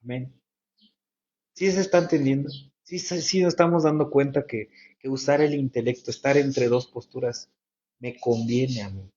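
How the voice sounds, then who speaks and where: A man's voice: medium pitch, normal speed, mellow, a little hiss or hum. Earnest man preaching, muffled. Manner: earnest, repetitive preaching with rhetorical questions. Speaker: pastor. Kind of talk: sermon. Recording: muffled lo-fi sound.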